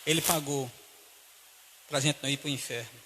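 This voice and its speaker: A man with a Brazilian Portuguese accent preaching a sermon and telling a story, acting out the voices and swinging between hushed and loud delivery. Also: medium pitch, steady tone, normal speed, noisy background. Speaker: pastor. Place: church hall. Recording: church hall with long reverb.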